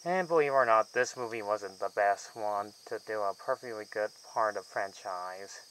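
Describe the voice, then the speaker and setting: A man with a fairly low voice gives a casual film review, talking in loose, rambling sentences that wander and trail off. Faint crickets chirp behind him. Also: moderate pace, a bit bright, a little hiss or hum, poor audio. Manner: rambling and loosely strung, trailing off mid-thought. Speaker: movie reviewer.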